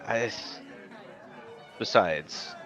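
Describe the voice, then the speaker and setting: A man playing a tabletop game, talking hesitantly with halting restarts. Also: fairly low pitch, fairly bright tone, highs cut off, soft background music, some chatter behind. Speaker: player. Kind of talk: tabletop role-play.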